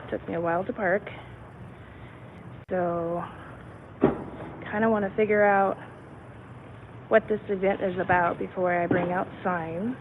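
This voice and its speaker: A woman's voice: mid-range voice, steady tone, a little slow, long pauses. A woman livestreaming from a parking lot, thinking aloud and unsure what she is doing, her audio cutting in and out in uneven volume. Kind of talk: solo livestream narration. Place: outdoors in a car parking lot. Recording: tinny phone-like stream with background noise.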